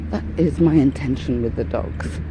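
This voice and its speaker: Her pitch extremely low and her pace moderate, a woman vlogs while out with her dogs. She's out of breath and rambles candidly and wryly, against a noisy background with faint outdoor ambience.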